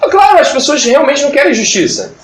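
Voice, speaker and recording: A man's voice: very high voice, very animated, fast. A man leading an informal Bible study, talking in a chatty, joking way and acting out classroom exchanges. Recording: echoey room with background noise.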